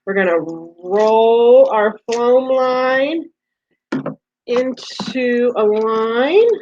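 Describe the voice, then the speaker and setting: Speaking very slowly in a fairly high voice, this preschool teacher leads a read-aloud lesson for young children, walking through each step with patience, simplicity and lots of repetition. The recording has its highs cut off and some background noise.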